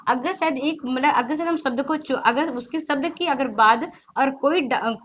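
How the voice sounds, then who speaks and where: A woman's voice: sits high, normal speed, fairly bright tone. A woman teaching an online exam-prep Hindi class, asking her students questions and repeating points as she explains. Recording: slightly dull lo-fi audio with faint hiss.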